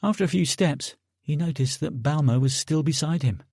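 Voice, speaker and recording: A man narrating an audiobook in a calm, steady reading voice, close to the mic. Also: on the high side, moderate pace, breathy edge, no echo. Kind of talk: scripted narration.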